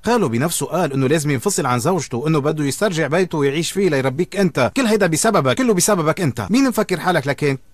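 A man's voice: a little high, animated, no echo. An actor playing an angry young man who blames his cousin, in a dubbed drama in Lebanese Arabic. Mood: accusing. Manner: accusing, rapid-fire.

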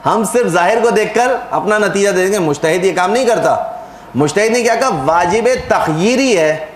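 High-voiced man giving a religious lecture. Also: animated, echoey room, a little hiss or hum, rough recording. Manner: explanatory, asks and answers own questions. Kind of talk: sermon lecture.

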